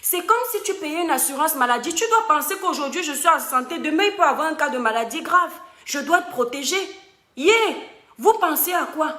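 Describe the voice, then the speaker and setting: A woman lectures her followers in a high, sharp-edged voice. She talks casually but emphatically, preaching warnings and asking them directly if they are listening. The recording has a roomy echo. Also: lively intonation, brisk. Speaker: online advice host. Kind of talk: casual advice monologue to followers.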